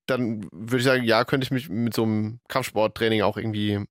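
A man in his thirties co-hosting a casual podcast, relaxed and easygoing. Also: fairly low pitch, a little fast, no room sound, studio quality. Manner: relaxed, lots of agreeing murmurs. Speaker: podcast co-host. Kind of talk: casual chat.

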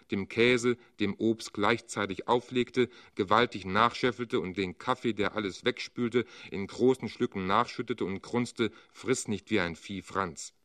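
Expressive male literary narrator. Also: fairly low pitch. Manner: expressive, dramatic. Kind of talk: literary reading.

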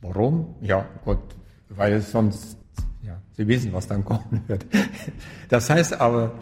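A man's voice: lowish voice, expressive, slow pace, darkish tone. Emphatic man in a reverberant hall. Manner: emphatic, repeats key phrases for stress. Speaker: guest, spiritual teacher and author. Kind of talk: reflective interview answers.

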